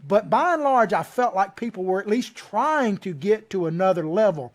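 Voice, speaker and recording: A man's voice: high-pitched, expressive, moderate pace. A man from small-town Florida with an old Florida cracker Southern accent, hosting a talk show in a folksy, rambling, conversational way. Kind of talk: conversational interviewing.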